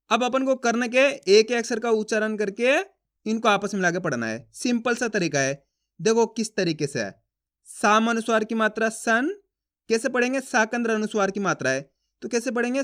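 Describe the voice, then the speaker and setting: A man teaching a reading lesson, asking himself questions and answering them, sounding out syllables slowly. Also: high voice, fairly bright tone. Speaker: Hindi teacher.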